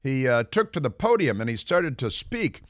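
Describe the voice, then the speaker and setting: A man's voice: medium pitch, big pitch swings, normal speed, dry recording. A man with an American accent hosting opinionated political talk radio, speaking in emphatic phrases on a close studio microphone.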